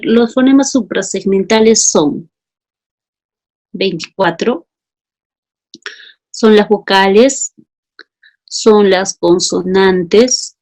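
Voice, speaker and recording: Woman teacher with a gravelly voice, reading out student answers and pressing for justifications. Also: mid-range voice, a little mellow. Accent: Peruvian Spanish. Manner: calls students by name, asks for justifications.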